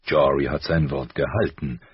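A man voicing a grave, gentle noble father in an audiobook, slow, soft-spoken and weighty, with a husky voice. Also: extremely low pitch, steady tone, no echo, muffled recording, full character voice. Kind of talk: audiobook character voice.

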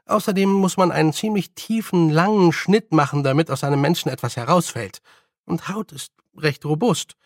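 A man reading an audiobook voices a clever young witch girl who reasons calmly. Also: a little high, normal speed, no room sound, studio quality, pitched above the performer's own voice, lightly acted. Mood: matter-of-fact.

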